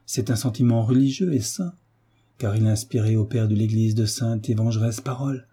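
A man's voice: lowish voice, brisk, dark tone, breathy edge. A man reading the part of David, a fervent, idealistic male tutor, speaking in an impassioned, oratorical way in an audiobook. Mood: solemn.

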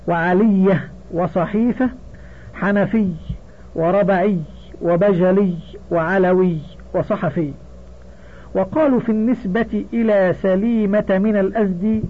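A man reading a grammar textbook aloud as an audiobook, in a steady, formal recitation that announces headings and page numbers. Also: high voice. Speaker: audiobook reader. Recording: tinny phone-like narrow sound.

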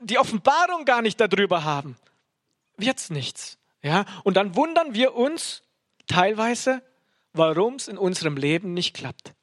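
High-voiced man preaching conversationally. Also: big pitch swings, a little slow, fairly bright tone. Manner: conversational, frequent "ja?" tag questions and hesitations. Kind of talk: sermon.

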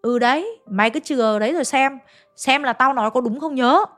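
A woman storyteller voicing a blunt, sharp-tongued village mother who speaks her mind with scorn. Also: high-pitched, a little fast, soft background music. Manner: blunt, scornful, matter-of-fact.

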